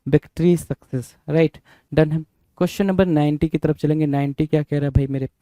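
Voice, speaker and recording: A man's voice: on the high side, steady tone, a little fast, mellow, no room sound. A man teaching exam vocabulary, often spelling words out letter by letter, repeating them and checking in with his listeners. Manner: frequent check-ins with listeners. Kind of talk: exam-prep vocabulary lesson.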